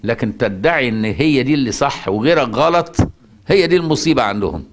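A man with an Egyptian accent giving a colloquial Quran lesson, often asking his listeners if they follow and chanting verses slowly. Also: mid-range voice, expressive, background noise. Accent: Egyptian Arabic. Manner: conversational, asks rhetorical checks, chants verses slowly. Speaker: Quran teacher.

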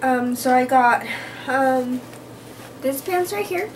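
Here the Utah vlogger, a young adult woman, speaks slowly in a high voice, still chatty and excitable with plenty of "like" and "um." The handheld camera at arm's length captures her in the car and then the bedroom, in a low-quality recording with slight background noise.

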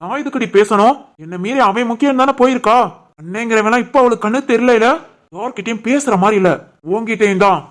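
Casting: woman playing a hot-tempered young husband in a cartoon, Tirunelveli Tamil accent, fairly high voice, scolding. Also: brisk, close to an everyday voice. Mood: angry. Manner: scolding, stern. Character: young husband and son, short-tempered man. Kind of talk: animated family drama voicing.

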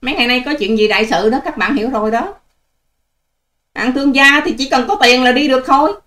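A woman's voice: high-pitched, fast, fairly bright tone. An older woman, hosting her own channel in a combative, scolding and sarcastic vlog rant to her viewers. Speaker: online channel host. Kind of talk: ranting vlog monologue to viewers.

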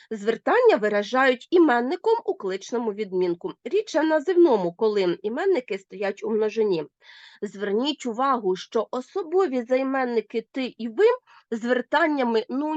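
Lively woman teaching a grammar lesson. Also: a little high, no room sound, lo-fi sound. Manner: animated, addresses pupils directly. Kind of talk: recorded online grammar lesson.

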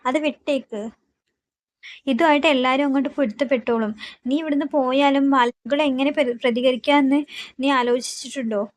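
Woman putting on a young guy, calm and earnest, pitched fairly high, dry close sound. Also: moderate pace, no echo, natural voice. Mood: reassuring. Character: young man consoling a crying woman.

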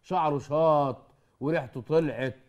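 An actor with an Egyptian accent playing an evasive cook who spins tall tales to dodge blame in a comedy sketch. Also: male voice, a little high, moderate pace, darkish tone, muffled recording, close to an everyday voice. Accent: Egyptian Arabic. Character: sly male cook dodging blame.

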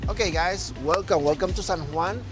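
A man's voice: high-pitched, moderate pace, music in the background. A man working as a local tour guide, welcoming a group outdoors on city streets.

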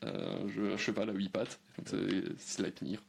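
Gravelly, husky man explaining casually. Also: lowish voice, steady tone, measured pace. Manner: hesitant, many fillers and restarts. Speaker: guest historian. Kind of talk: conversational explanation.

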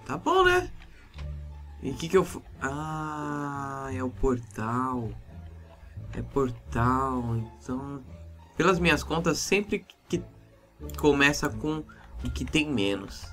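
Excitable male gamer, Brazilian Portuguese accent, lively swooping delivery, bright tone, light music under him. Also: mid-range voice, slow, long pauses. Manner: excitable, exclamatory, jumpy. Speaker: gamer YouTuber. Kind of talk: Minecraft let's-play role-play.

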